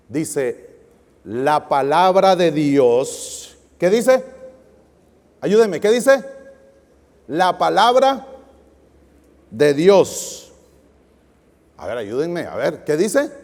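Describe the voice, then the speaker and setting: A male guest pastor preaching a sermon, lively and asking the audience questions. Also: on the high side. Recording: long hall reverb.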